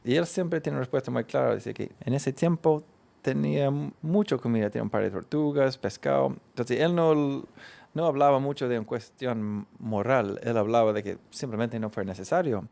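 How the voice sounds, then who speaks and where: A man interviewed as a commentator, explaining his reasoning in a measured way. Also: medium pitch, creaky, dark tone.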